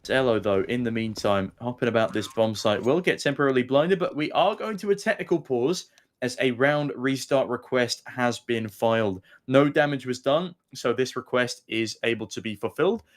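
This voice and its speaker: A man commentates live on an esports match. His voice sits at a middling pitch, and he analyses play in wordy, emphatic phrases. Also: moderate pace.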